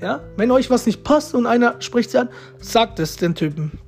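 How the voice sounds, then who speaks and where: A man's voice: very high-pitched, animated, normal speed, faint music behind. A man giving casual relationship advice straight to his viewers, chatty and repetitive, tagging his sentences with little questions. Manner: chatty, repeats himself, tags lines with "ja?" and "ne?".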